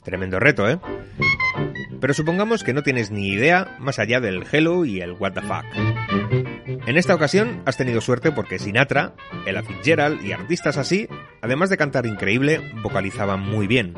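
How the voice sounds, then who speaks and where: A man's voice: mid-range voice, very animated, moderate pace. Wry Spanish-speaking man, music behind. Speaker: music section contributor. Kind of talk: radio segment commentary.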